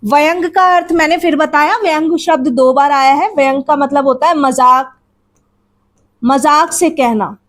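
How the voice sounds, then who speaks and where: A woman's voice: high voice, unhurried, fairly bright tone. A woman teacher explaining a textbook story to students. She repeats word meanings and asks rhetorical questions as she goes.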